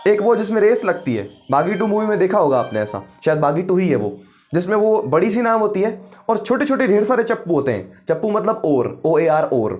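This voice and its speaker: A man teaches biology in a high, lively voice that rises and falls a lot. He asks the class questions, answers them himself and repeats each term slowly so it sticks. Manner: mixes English science terms into Hindi. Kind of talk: classroom lecture.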